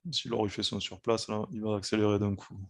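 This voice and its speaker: A man's voice: lowish voice, fairly quick, gravelly, no room sound, studio quality. A man hosting a live trading stream, giving casual, explanatory market commentary. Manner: relaxed, explanatory, repeats "hein" and "quoi".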